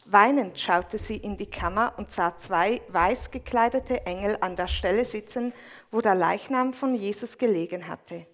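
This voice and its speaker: A woman reading a Bible passage aloud in a measured, even way, then interpreting a sermon line by line. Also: mid-range voice. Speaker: scripture reader and interpreter.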